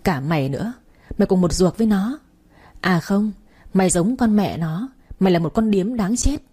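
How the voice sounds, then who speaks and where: A woman's voice: mid-range voice, animated, normal speed, warm tone, slightly rough. A woman voicing a cruel, scheming female villain who sneers and hisses threats. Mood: venomous.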